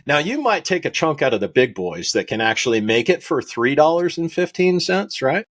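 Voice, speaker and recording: Husky-voiced Wyoming rancher telling stories. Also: male voice, on the high side, normal speed. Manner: animated, acts out voices in anecdotes, laughs often. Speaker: rancher guest. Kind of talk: casual interview storytelling.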